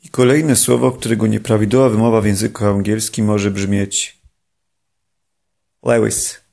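A man giving a scripted lesson on English pronunciation in a measured, explanatory way. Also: lowish voice, level tone, gravelly, darkish tone. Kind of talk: scripted instructional narration.

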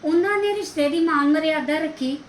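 A woman's voice: high-pitched, a little fast, lightly acted. A woman playing a fussy young daughter-in-law in a homemade family drama, complaining with wailing drama. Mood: aggrieved. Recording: echoey room, faint hiss.

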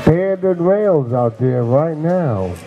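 A man announcing classes at a dog show, loudly chanting out the class names to the ring. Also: a little high, lively intonation, takes it slowly, lo-fi sound, noisy background. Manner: loud, chanting calls of age classes. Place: large indoor show venue.

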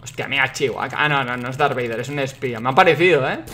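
A young man giving excitable let's-play commentary, swearing and yelling at the game. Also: mid-range voice, fast talker, soft background music. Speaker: gaming YouTuber.

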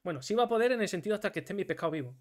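A man's voice: sits high, animated, racing. Male streamer, frustrated self-scolding gameplay commentary, heavy swearing. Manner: swears often and scolds himself, in bursts of frustration.

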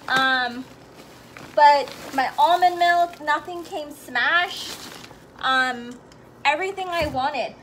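A woman's voice: sits high, sharp tone, slight background noise. A woman in her thirties vlogging casually into a phone camera at arm's length, chatty and upbeat with plenty of ums, first at home and then in her car. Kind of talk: casual vlog walkthrough.

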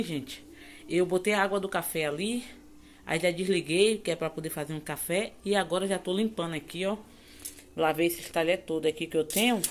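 A woman's voice: lowish voice, a little hiss or hum. A woman with a Bahian accent chatting casually in a home vlog, cooking in her kitchen and cooing affectionately at a baby. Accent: Bahian Brazilian Portuguese. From Bahia, Brazil. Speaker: home vlogger.

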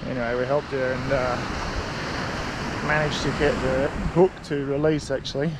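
A man's voice: medium pitch, moderate pace. A man in his thirties with an Australian accent, chatting casually to an action camera held at arm's length as he vlogs outdoors on an open beach. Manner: relaxed, easygoing, enthusiastic. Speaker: travel vlogger. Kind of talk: casual vlog narration. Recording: wind and surf noise outdoors. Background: crashing waves.

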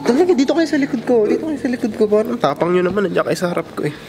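A man's voice: high-pitched, big pitch swings, racing, background noise. A young man with a Filipino accent, chatting casually as he hosts a night challenge vlog. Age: young adult. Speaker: vlogger, host. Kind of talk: casual night challenge vlog chat, mixing Tagalog and English. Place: large house at night, rooms and outdoors. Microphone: handheld camera at arm's length. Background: loud music.

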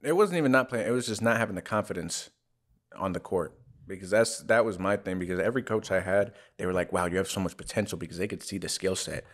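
A man's voice: low voice, fast. A young man co-hosting a podcast in casual chat, chatty and laughing often. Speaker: podcast co-host.

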